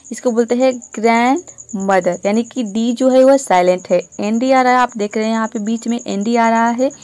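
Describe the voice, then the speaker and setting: A woman's voice: fairly high pitch, dry recording. Patient woman teaching in a dry room. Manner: patient, repeats each word slowly. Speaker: English pronunciation teacher. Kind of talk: explaining a lesson to viewers.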